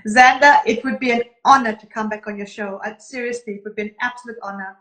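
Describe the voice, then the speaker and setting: A woman singer who grew up in Zambia and Zimbabwe, chatting warmly as an interview guest and laughing easily. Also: on the high side, fairly even intonation, quick pace, roomy sound. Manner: laughs easily, effusive and affectionate. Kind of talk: casual interview chat.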